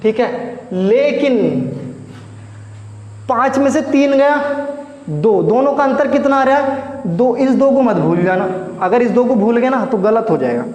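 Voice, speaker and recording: A man's voice: extremely high pitch, lively intonation, unhurried, pauses often, darkish tone, lo-fi sound. A male math teacher giving a chatty, coaxing blackboard lesson, quizzing his students as he works. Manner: chatty, coaxing, asks the class questions. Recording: echoey room with faint noise.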